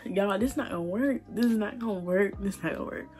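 A young woman, crying and halting as she tells her story while doing her makeup. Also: medium pitch, a little mellow, soft background music. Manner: emotional, halting, repeats herself. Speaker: beauty vlogger. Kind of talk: tearful get-ready-with-me chat.

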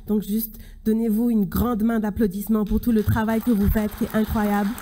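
A woman in her thirties giving a closing conference speech from a podium, earnest and halting, with many restarts. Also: medium pitch, little pitch movement, dark tone, a little hiss or hum. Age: 30s. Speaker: keynote speaker. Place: large conference hall stage at a podium. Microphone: podium microphone.

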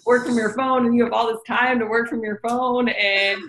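A woman's voice: a little high, fairly even intonation, moderate pace, fairly bright tone, a little hiss or hum. A woman hosting a casual chat, asking questions in a chatty way full of fillers. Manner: chatty, filler-heavy, lots of "like". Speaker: host.

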